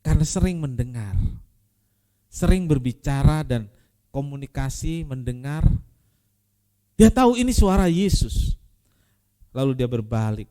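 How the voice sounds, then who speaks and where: A man delivering a sermon in a voice that sits a little high for a man and leaps around in pitch. He repeats his key phrases for weight, rising to loud emphatic peaks and then dropping to soft, close asides. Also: smooth. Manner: animated preaching with sudden swings from loud emphasis to quiet. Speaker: pastor.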